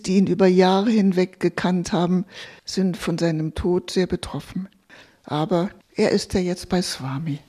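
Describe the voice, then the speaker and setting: Mellow, breathy radio narrator. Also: mid-range voice, no room sound, studio quality. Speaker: radio host.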